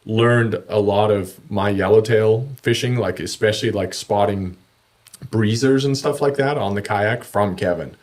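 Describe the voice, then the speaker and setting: A man's voice: on the low side, measured pace, darkish tone. A man chatting casually and telling anecdotes in laid-back, slangy talk as a podcast guest. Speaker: podcast guest, kayak angler.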